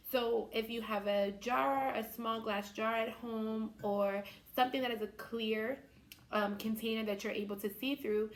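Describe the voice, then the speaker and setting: A woman teaching young children step by step, in the manner of a kids show host. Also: a little high. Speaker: children's teacher hosting a science activity.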